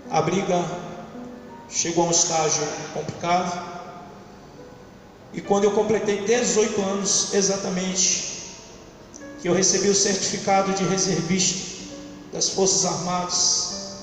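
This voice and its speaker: Guy preaching his testimony, high voice, very echoey church hall, kinda distant mic. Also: fairly even intonation, measured pace, long pauses, soft background music. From São Luís, Maranhão, Brazil. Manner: dramatic storytelling with repetition. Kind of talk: testimony sermon.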